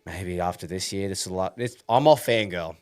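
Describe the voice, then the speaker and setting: A man's voice: low voice, fairly quick, a little mellow, clean tone, no room sound, clean studio sound. An Australian man co-hosting a podcast, talking sport casually in a blokey, slangy and sweary way. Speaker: podcast co-host.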